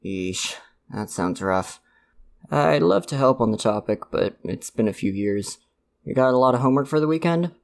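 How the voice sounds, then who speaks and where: In a one-sided conversational ASMR roleplay, a performer plays a caring dad whose mid-pitched, gravelly voice often slips into fry. He halts and stammers, nervous and jokey but devoted to his kid, with lively intonation and a darkish tone in a casual, teasing mood.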